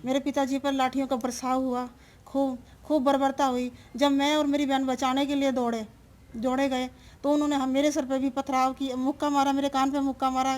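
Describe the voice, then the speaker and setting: A woman's voice: high voice, darkish tone. A woman in a news interview earnestly listing events one by one. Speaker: interviewee, journalist's wife.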